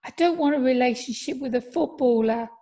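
Woman voicing young woman, hurt, guarded, quietly protesting, high voice, audiobook. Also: fairly quick.

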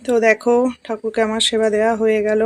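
A young woman from Bengal speaking with a Bengali accent, chatting to viewers in a casual vlog as she walks her rooftop garden and picks flowers, talking a little softly. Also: fairly high pitch, completely flat delivery, fast talker, dry recording. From Bengal, India. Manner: chatty, walking tour, points things out while picking flowers. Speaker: vlogger, housewife. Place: rooftop garden of a home, outdoors.

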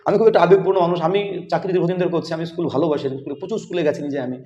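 A man's voice: high voice, racing, dark tone. A man interviewing as podcast host, talking in a rambling way with many fillers. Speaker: interviewer, teacher. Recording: echoey, dull lo-fi room.

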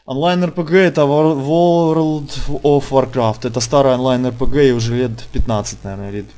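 A man's voice: medium pitch, quick pace, darkish tone. A man hosting a casual online interview, talking colloquially and insistently, repeating phrases for emphasis. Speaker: interviewer and channel host.

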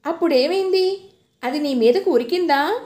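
A woman's voice: high voice, expressive, moderate pace, darkish tone, voice pushed up. A woman voicing a worried, caring young husband who asks anxious, soothing questions. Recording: roomy echo.

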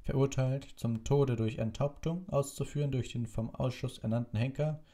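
A man's voice: mid-range voice, normal speed, dark tone, pitched above the performer's own voice, close to an everyday voice. A man voicing a pompous middle-aged minister who reads out a death sentence in a stiff official manner. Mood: formal. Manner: stiff, official, reading aloud.

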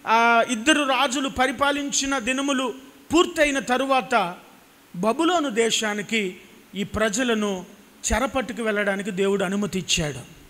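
A man's voice: extremely high pitch, a little slow, long pauses, sharp tone. A man in his thirties with a Telugu accent, preaching an impassioned sermon into a handheld mic and repeating phrases for emphasis. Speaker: pastor. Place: church stage with a cross backdrop. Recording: hall reverb.

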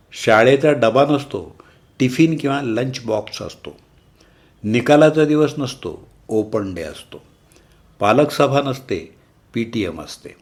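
Casting: man, Marathi accent, read-aloud essay narrator, measured and wry, mid pitch. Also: darkish tone. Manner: measured, wry listing delivery. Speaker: reader of an essay.

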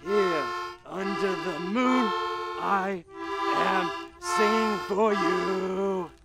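A man playing a crooning pirate singer in a comedy sketch, with a gravelly voice, over loud music. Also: a little high, normal speed, lightly acted.

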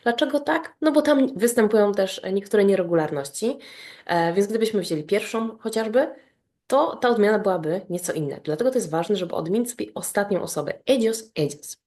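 A woman teaching an online grammar lesson, explaining step by step and often checking that the listener follows. She spells out verb endings slowly and rhythmically. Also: medium pitch, animated, darkish tone. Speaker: Spanish teacher.

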